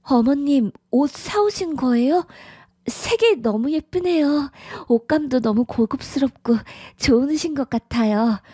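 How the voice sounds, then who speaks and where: A meek young daughter-in-law who answers politely and apologizes, hesitating as she speaks, voiced by a synthetic woman. Her voice is high, and the sound is close and dry. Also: lively intonation, a little slow, mellow, no room sound. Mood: timid. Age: young adult. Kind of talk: synthesized radio drama voice.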